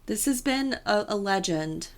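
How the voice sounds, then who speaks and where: A woman chatting on a podcast, explaining things in a playful, storytelling way. She tosses in jokes and little asides as she goes, in a voice of middling pitch. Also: animated, a little slow. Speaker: podcast co-host. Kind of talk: casual podcast chat.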